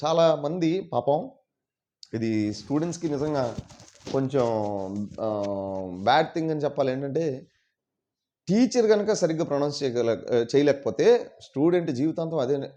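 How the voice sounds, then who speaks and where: A man teaching English in a casual video lesson, explaining patiently and repeating words slowly. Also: fairly high pitch, lively intonation, mellow. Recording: dull lo-fi sound.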